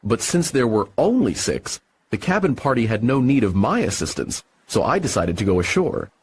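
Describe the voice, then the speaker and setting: A man narrating an adventure storybook in an expressive reading style. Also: mid-range voice, moderate pace, a little hiss or hum.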